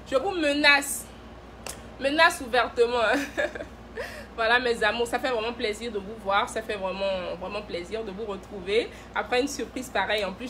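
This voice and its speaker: A woman's voice: a little high, sharp tone, slight background noise. A woman who directs a cosmetics brand, hosting a casual live stream, playful and teasing, laughing often and greeting viewers by name.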